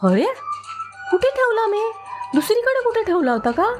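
A woman's voice: sits high, lively intonation, over music. A woman voicing a greedy, gullible crow who speaks brashly and impatiently, in a children's storybook tale. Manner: brash, quick-tempered questions.

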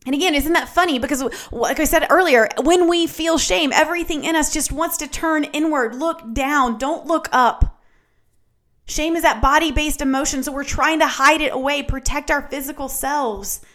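A woman hosts a faith-based teaching podcast. Her voice sits a little high, and she speaks with earnest emphasis. She often repeats phrases to drive her point home. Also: normal speed, a bit bright. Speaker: podcast host.

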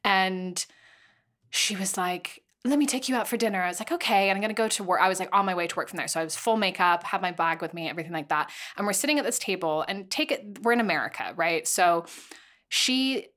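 A woman's voice: on the low side, brisk, sharp tone. A woman in her thirties telling candid stories in casual chat, full of "like", swearing freely and acting out quotes. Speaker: podcast guest storyteller. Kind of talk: casual chat, anecdotal storytelling.

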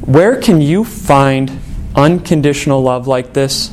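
A male pastor delivers an earnest sermon at a measured, mid-range pitch. He slows down and softens his voice for quoted lines, with a faint hum of room ambience behind him. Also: expressive. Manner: earnest, drops to a soft low voice for quoted words.

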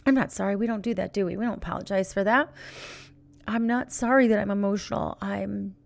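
A middle-aged woman hosting a podcast, telling a personal story in an emotional, halting way as she searches for words. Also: mid-range voice, steady tone, creaky. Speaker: podcast host. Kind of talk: personal reflective monologue.

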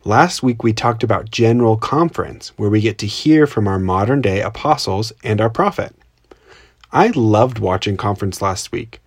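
Male kids' podcast co-host, fairly low voice, simple explanatory storytelling, dry makeshift home recording. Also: animated, normal speed, husky, no echo. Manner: simple child-directed explaining. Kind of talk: scripted children's storytelling podcast. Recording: makeshift home recording without usual mic.

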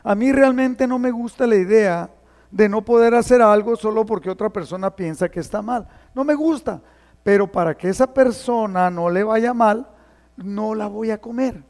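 A man's voice: sits high, normal speed, darkish tone, big-room sound. A man preaching a conversational sermon in a church, asking the congregation questions as he reads scripture. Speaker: pastor.

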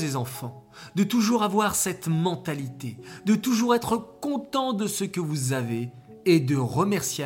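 A storyteller narrating a religious story for children, speaking to them directly in a slow, animated way. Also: medium pitch.

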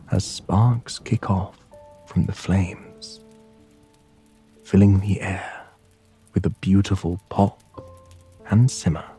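Male sleep story narrator, soothing, hushed and breathy, mellow, gravelly fry, soft music and rain behind. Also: lowish voice. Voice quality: breathy, husky. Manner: hushed, soothing, often breaking into whisper. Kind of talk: scripted sleep story narration, guided relaxation.

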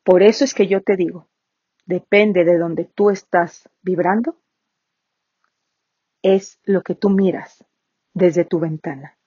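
A woman's voice: on the low side, fairly even intonation, takes it slowly, pauses often, warm tone, husky, dry recording, highs cut off. A woman giving a motivational talk with storytelling, speaking directly to her listener.

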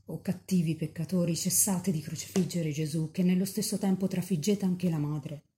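A young woman mystic lost in rapture, as a nun reads her words aloud, pleading with Mary in a fervent, tender prayer. The voice sits low and mellow. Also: fairly even intonation, normal speed, natural voice.

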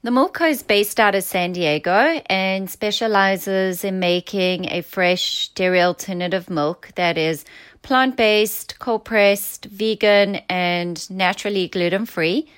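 A young South African woman speaks in a smooth, resonant voice. She talks steadily and fluently as a founder being interviewed, with only the odd um. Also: mid-range voice, takes it slowly. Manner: fluent, steady, with occasional ums. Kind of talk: pitching her business in an interview.

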